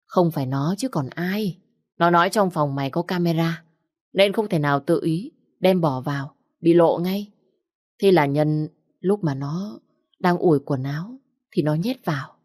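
A woman's voice: low-pitched, a little slow, a little mellow, no room sound, clean studio sound. A woman reading a story aloud, voicing a blunt, hot-tempered older sister who speaks coarsely. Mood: confessing.

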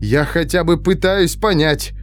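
A man's voice: a little high, unhurried, faint music behind, voice pushed up, close to an everyday voice. A man voicing a nervous young male newcomer in prison who talks in a tense, defensive way.

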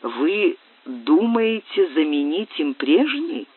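Guy doing a wounded proud lord, cool and measured, tinny dry recording. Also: a little high, animated, no echo. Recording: tinny phone-like sound, dry.

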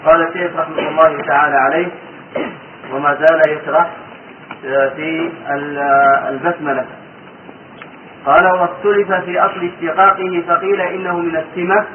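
A man with a rather high voice teaches a classical text, pausing on long fillers and repeating each point before asking his listeners questions. He sounds set back from the mic in an echoing room, and the sound is thin and phone-like with a faint hiss underneath. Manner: repeats phrases and asks rhetorical questions of the students; hesitant, with frequent drawn-out fillers. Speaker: sheikh teaching a religious text. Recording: tinny, roomy, distant lo-fi lesson recording with faint hiss.

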